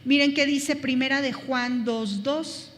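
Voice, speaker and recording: A woman's voice: high-pitched, fairly even intonation, takes it slowly, long reverb tail. A woman teaching a Bible study class, thinking aloud with many fillers and restarts.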